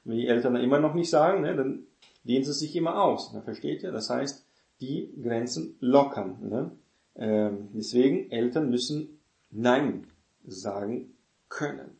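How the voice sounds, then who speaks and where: A man preaches in a loose, talky way, ending many sentences with a questioning "ne?" and correcting himself as he goes. His voice sits at an ordinary middle pitch. The sound rings around a roomy, echoing space. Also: moderate pace, vocal fry, darkish tone. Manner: rambling, tags sentences with "ne?"; self-correcting, searches for words. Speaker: preacher teaching on parenting. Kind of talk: informal sermon.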